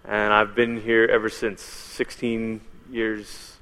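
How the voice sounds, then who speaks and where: A man's voice: lowish voice, monotone, slow, sharp tone, long reverb tail. A man in his thirties from Malaysia, giving a chatty church teaching as guest speaker and joking with the audience. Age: 30s.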